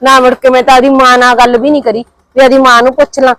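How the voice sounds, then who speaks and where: A woman's voice: high voice, level tone, fast talker, a bit bright, no room sound, rough recording. A woman playing an anxious young housewife with a Punjabi accent, muttering her worries to herself. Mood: worried. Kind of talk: drama monologue.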